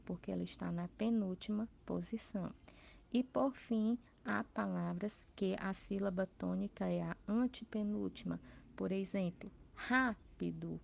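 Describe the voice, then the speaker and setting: A woman teacher with a Brazilian Portuguese accent, giving an educational TV lesson and listing examples slowly and clearly. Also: medium pitch, darkish tone.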